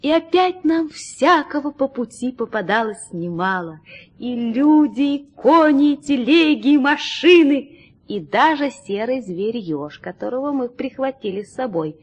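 A woman narrating a story in a lively, expressive reading style. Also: high voice, a little slow, breathy edge, highs cut off.

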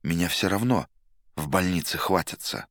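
A man voicing a weary, timid middle-aged writer in an audiobook, soft and hesitant. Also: low voice, normal speed, husky, no echo, studio quality, heavily acted.

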